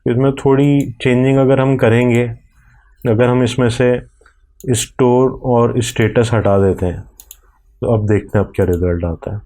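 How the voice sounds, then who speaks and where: A man with a Pakistani accent guides a software screen recording, explaining each click in a slow, step-by-step way. His voice sits at an ordinary pitch with a dark, mellow tone. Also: steady tone. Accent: Urdu-Hindi speaking, Pakistani. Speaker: software tutorial presenter.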